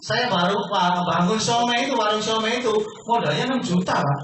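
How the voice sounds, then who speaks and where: A man giving a persuasive sales seminar pitch, constantly addressing the audience as sir and quizzing them. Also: a little fast, fairly bright tone, a little hiss or hum. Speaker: business opportunity presenter. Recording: very echoey hall from far off.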